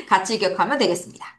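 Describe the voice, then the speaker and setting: A woman teaching English vocabulary to children in an online lesson, asking questions and answering them herself, spelling words letter by letter and drawing out each word slowly for pupils to repeat. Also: medium pitch, fairly bright tone. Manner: spells words letter by letter, slow drawn-out model pronunciation. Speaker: English teacher at a private academy.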